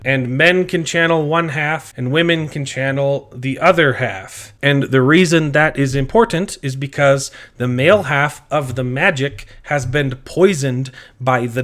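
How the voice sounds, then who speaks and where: A man's voice: on the high side, fairly bright tone. A man vlogging an opinionated fan rant, sounding exasperated and emphatic and wandering off on digressions.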